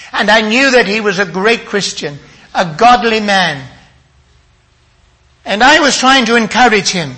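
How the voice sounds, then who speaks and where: An older man preaching a sermon, dramatic, dropping to a hush and then rising to emphatic appeals. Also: high-pitched. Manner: dramatic, swinging from hushed to emphatic.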